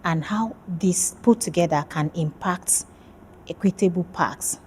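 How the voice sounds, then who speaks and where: A woman's voice: lowish voice, measured pace, darkish tone, slight background noise. A woman from Nigeria, a PhD student, talking about her research in a casual interview, friendly and hesitant with many fillers.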